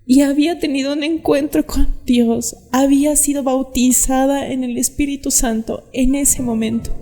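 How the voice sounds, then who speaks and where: A woman's voice: high-pitched, steady tone, normal speed, mellow, in a large hall, faint music behind. Earnest young woman telling her testimony. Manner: earnest, acts out quoted voices. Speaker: vlogger sharing her testimony. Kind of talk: emotional personal storytelling. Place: outdoors, on camera. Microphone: camera mic.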